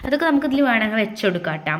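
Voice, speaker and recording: A woman's voice: a little high, very animated, very fast, slight background noise. Chatty Malayali mother vlogging crafts. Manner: chatty, explains step by step to viewers. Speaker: family vlogger. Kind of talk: casual crafts vlog chat.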